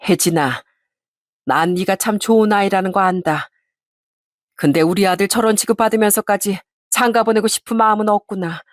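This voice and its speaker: A woman's voice: medium pitch, no room sound, lightly acted. The groom's mother, a dignified farming woman, answers firmly and evenly, voiced by a woman. Her voice stays close to the narrator's own in a dry, close recording. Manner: firm, measured retorts.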